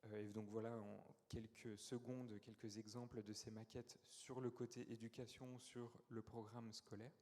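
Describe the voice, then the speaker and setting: A man, a startup founder, giving a short business pitch in an earnest, explaining tone. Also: level tone, moderate pace, hardly any pauses, warm tone. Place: conference hall. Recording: conference hall reverb.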